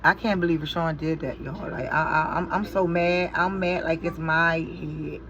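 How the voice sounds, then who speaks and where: A middle-aged woman chatting casually to her viewers while doing her makeup, telling stories in an animated, exasperated way and swearing when frustrated. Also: deep voice, normal speed, muffled recording. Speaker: beauty vlogger and mother.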